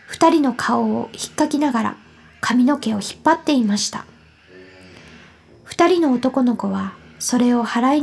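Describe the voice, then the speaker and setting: Give me a woman calmly reading a children's story. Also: high voice, slightly rough. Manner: calm, even storytelling.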